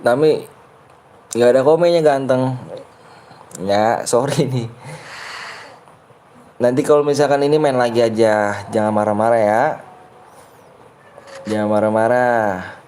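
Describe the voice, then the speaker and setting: A man's voice: mid-range voice, a little slow, long pauses, darkish tone. A young man, hosting a live game stream in casual chat. He argues with viewers and teases them, often breaking into laughter. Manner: argumentative and teasing, often laughing.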